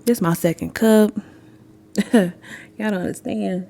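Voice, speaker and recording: A young woman hosts a podcast, chatting candidly and casually, swearing freely, laughing a lot, and speaking straight to her listeners. Her mid-range voice is slow, creaky, and mellow.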